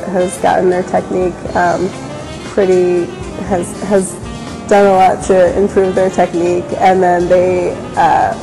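A young adult glass studio staffer, speaking casually in an on-camera interview about her venue, fills her talk with fillers and restarts. Her voice is on the low side with vocal fry. Recorded roughly on a lapel mic in a large indoor gallery, with a music bed behind her.

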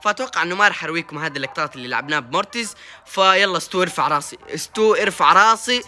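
A young man giving excitable, sing-song commentary while playing a mobile game, cheering and groaning as he goes. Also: high-pitched, very fast, soft background music. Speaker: gaming YouTuber. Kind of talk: gameplay commentary.

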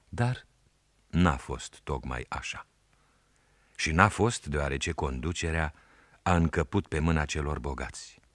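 A man narrating a historical story in a measured, storytelling manner. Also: very deep voice, fairly bright tone, no room sound.

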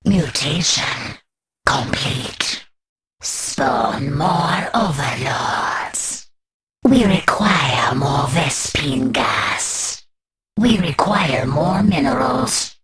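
A cold alien hive queen gives alerts as a video game announcer. Her voice is low and extremely slow, hissing and imperious. Each short line is delivered with deliberate menace over faint noise. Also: fairly bright tone, full character voice. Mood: hissing, menacing.

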